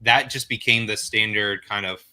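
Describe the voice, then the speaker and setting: Bright-voiced man arguing a point. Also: fairly low pitch, steady tone, clear, resonant tone. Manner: fast, filler-heavy arguing, lots of "like". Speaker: podcast guest. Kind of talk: casual podcast chat.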